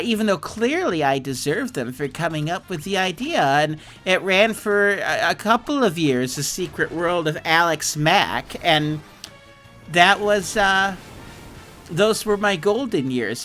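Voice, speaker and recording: A high-pitched, rambling middle-aged woman, put on by a man in an improvised comic bit, her tone bright and edgy as she airs old grievances with an aggrieved, wandering delivery. Faint game music hums underneath. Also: animated, a little slow. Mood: wistful, aggrieved. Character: chatty middle-aged woman, bitter ex-writer.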